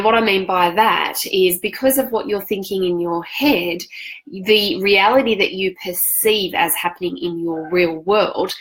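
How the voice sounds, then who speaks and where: Woman, self-help coach, to-camera motivational talk; earnest, measured, asks the viewer rhetorical questions. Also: medium pitch, a bit bright, rough recording.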